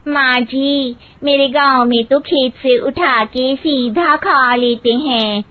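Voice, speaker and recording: Woman playing a high-voiced naive village bride. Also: steady tone, takes it slowly, narrow, tinny audio. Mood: innocent, matter-of-fact. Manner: literal-minded, guileless, rustic phrasing. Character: naive, cheerful young village daughter-in-law. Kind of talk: Hindi comic cartoon story dialogue.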